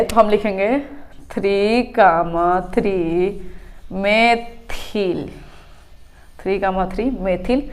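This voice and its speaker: Woman teacher, fairly high voice, step-by-step counting, checks understanding often, lecture style. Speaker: chemistry teacher. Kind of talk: classroom lecture explaining at a whiteboard.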